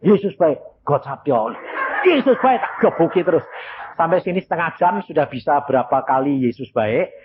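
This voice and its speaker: An older man delivers a sermon at normal speed, the sound phone-quality with slight background noise. He tells stories with great energy, acting out the voices of the people in them and jumping high in pitch. He blends Javanese words into his Indonesian and addresses the congregation as "saudara."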